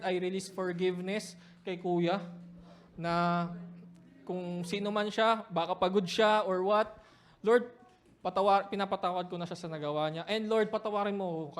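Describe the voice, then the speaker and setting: A man, a pastor telling a personal story in a sermon, moving between hushed reflection and loud, laughing retelling. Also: sits high, normal speed, slight background noise.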